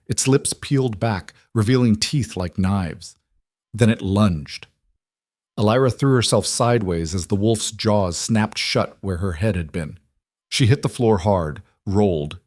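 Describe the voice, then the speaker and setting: A man reading a dramatic fantasy story as scripted narration, in a measured, dramatic way. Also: fairly low pitch, a little mellow, no echo, clean studio sound.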